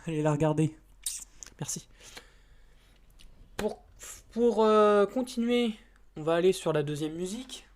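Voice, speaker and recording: A man's voice: high-pitched, a little slow, pauses often. A man chatting casually to camera as a YouTuber. He rambles and hesitates, with many fillers and restarts, in informal, slightly crude speech.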